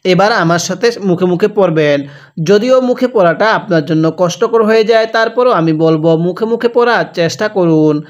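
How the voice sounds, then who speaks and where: Man, Bangladeshi Bengali accent, Quran reading teacher, spelled-out syllables, resonant voice, fairly high. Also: lo-fi sound. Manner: spells each syllable slowly, then asks and repeats. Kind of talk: slow spelled-out recitation lesson.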